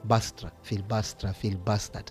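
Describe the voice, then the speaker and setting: A middle-aged bishop with a Kenyan accent, preaching passionately, swinging from hushed asides to loud rebukes. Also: male voice, on the low side, level tone, brisk, faint music behind. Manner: passionate, switching between whispers and shouting. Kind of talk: fiery sermon.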